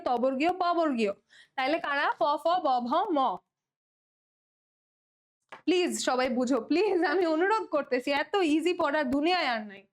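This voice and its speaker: A young woman teacher with a Bangladeshi Bengali accent giving a playful online exam-prep lesson and pleading with students to understand. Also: high voice. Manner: playful, pleading, mixes English words.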